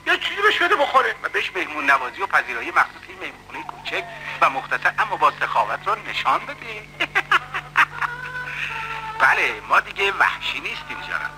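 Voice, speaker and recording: A man's voice: fairly high pitch, huge pitch swings, music in the background, rough recording. A man dubbing a swaggering, bullying middle-aged café loafer who mocks and threatens in a film. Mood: mocking. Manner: blustering, mocking, threatening. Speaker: dub actor. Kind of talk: dubbed film acting.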